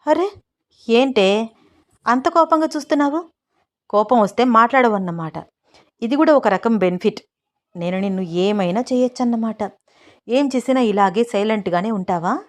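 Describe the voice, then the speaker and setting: A woman's voice: a little high, moderate pace, pauses often, lightly acted. Woman doing a teasing young husband, cocky, cajoling, storybook romance.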